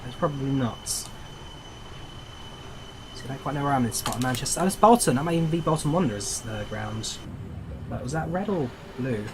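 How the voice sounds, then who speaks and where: A man's voice: mid-range voice, a little fast, pauses often. Casual male streamer over noisy background. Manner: informal, thinking aloud. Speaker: flight simulator streamer. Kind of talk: casual livestream chat and gameplay commentary. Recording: steady background noise, engine-like ambience.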